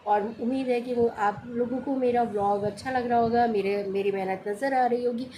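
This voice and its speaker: A woman's voice: a little high, fairly even intonation, moderate pace, warm tone, a little hiss or hum. A middle-aged woman vlogging casually from home, homely and chatty, now and then lecturing. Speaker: family vlogger. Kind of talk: casual vlog chat.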